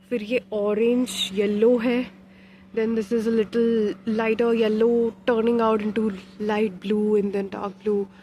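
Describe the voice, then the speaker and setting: A woman's voice: on the high side, mellow, slight background noise. Chatty young Indian woman vlogging. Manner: chatty, mixes English and Hindi. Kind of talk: casual vlog chat. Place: walking outdoors and on a rooftop terrace. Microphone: phone held at arm's length.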